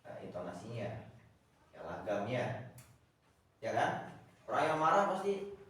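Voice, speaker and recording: A man's voice: fairly low pitch, big pitch swings, a little slow, fairly bright tone. A man teaching a class, talking. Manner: rambling, with many fillers and repeated words. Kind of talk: classroom lecture. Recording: echoey classroom from far off.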